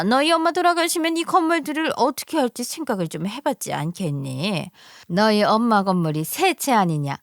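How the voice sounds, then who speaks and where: A woman's voice: medium pitch, no room sound, clean studio sound, close to an everyday voice. A woman voicing a scheming, contemptuous middle-aged mother-in-law in a story radio drama, scolding and belittling. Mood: condescending. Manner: scolding, belittling, sneering sighs.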